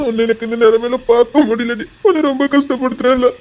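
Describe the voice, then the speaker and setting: A man's voice: high-pitched, fairly quick, breathy edge, muffled recording. An actor playing a guilt-ridden young husband with a Tirunelveli Tamil accent, coaxing urgently, his voice choked with remorse. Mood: anguished coaxing. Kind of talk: melodramatic web-series acting.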